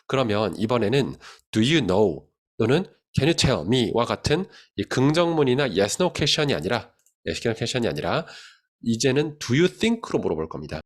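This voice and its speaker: A man teaching English grammar, explaining in Korean and reading English example sentences slowly and clearly. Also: mid-range voice. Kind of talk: grammar lesson.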